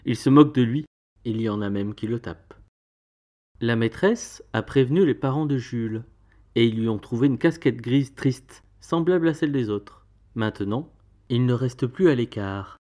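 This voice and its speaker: A man reads a children's picture book aloud. His voice sits at a middle pitch. He tells the story expressively, with varied delivery. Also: moderate pace, dark tone.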